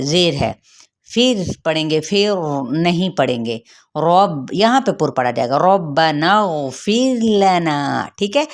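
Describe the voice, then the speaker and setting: Woman teaching Quran recitation rules, slow and measured. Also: fairly low pitch. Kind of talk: tajweed lesson with recitation.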